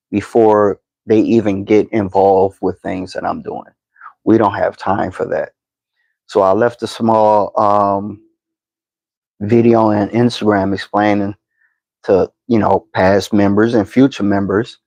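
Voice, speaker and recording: A man in his fifties with a low, gravelly voice, hosting a podcast. He lectures slowly and deliberately, stumbling on repeated words and fillers. His voice sits close and dry, with no room around it. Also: darkish tone, no room sound, highs cut off. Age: 50s. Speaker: podcast host. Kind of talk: motivational talk to camera.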